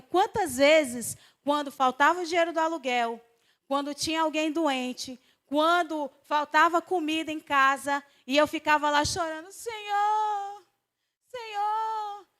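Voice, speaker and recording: A woman from Brazil preaching a sermon, telling a personal story with emphatic swings in her voice. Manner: emphatic, storytelling, voice swings high and loud on exclamations. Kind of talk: sermon with testimony.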